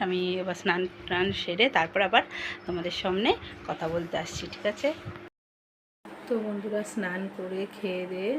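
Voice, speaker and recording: Soft-spoken woman vlogging in a noisy kitchen. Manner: keeps voice low and soft so her sleeping son is not woken. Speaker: home vlogger and mother. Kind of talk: casual chat to viewers while cooking. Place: home kitchen with a tin roof during rain. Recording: noisy home recording with rain on a tin roof.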